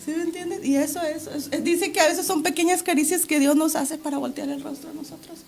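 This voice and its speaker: A woman with a high voice tells her religious testimony as a guest on an interview show. She speaks with fervor and reenacts her pleas to God aloud. She sounds middle-aged. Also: fairly even intonation, a little fast, creaky, a little mellow.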